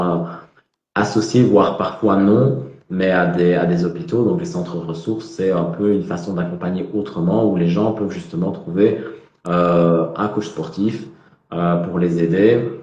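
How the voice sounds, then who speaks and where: A man with a low, warm voice and a Belgian French accent is a guest on a casual live video interview. He talks with lots of hesitations and fillers, and the audio is echoey and dull.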